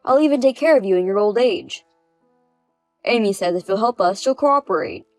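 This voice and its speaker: A woman's voice: medium pitch, lively intonation, normal speed, a little mellow, no echo, faint music behind, lightly acted. Woman's voice as a desperate grown son in a text story, apologetic begging, dry close sound. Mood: pleading. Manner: pleading, apologetic. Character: indebted adult son begging his mother. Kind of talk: text-message story reading.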